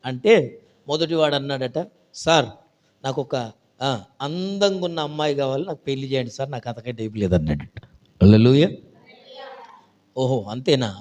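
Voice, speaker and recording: Animated Telugu-speaking pastor preaching. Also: male voice, on the high side. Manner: animated, addresses congregation with hallelujahs and questions. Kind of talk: sermon storytelling.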